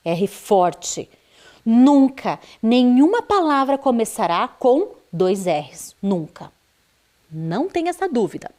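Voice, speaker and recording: A woman's voice: a little high, big pitch swings, takes it slowly, mellow. A Brazilian woman teaching a primary school video lesson, drawing out words and stressing their sounds for young children. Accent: Brazilian Portuguese.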